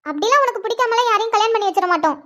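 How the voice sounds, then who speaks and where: A very high, soothing sister-in-law. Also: female voice, expressive, racing, a bit bright. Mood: reassuring. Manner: soothing, reassuring. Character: young woman, calm caring sister-in-law. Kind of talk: cartoon voice acting.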